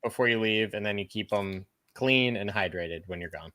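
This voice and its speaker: A man co-hosting a casual podcast chat, easygoing and trailing off softly at the ends of his phrases. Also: on the low side, moderate pace, dry recording. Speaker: podcast co-host.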